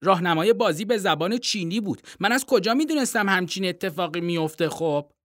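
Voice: medium pitch, lively intonation, fairly bright tone, no echo, studio quality, voice pushed up, close to an everyday voice. A storybook reader voicing an earnest, argumentative young schoolboy, pleading and defensive. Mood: insistent. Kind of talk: storybook reading.

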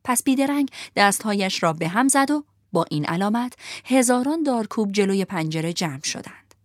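Storybook narrator, woman, mid pitch, gentle and expressive. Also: no echo, studio quality.

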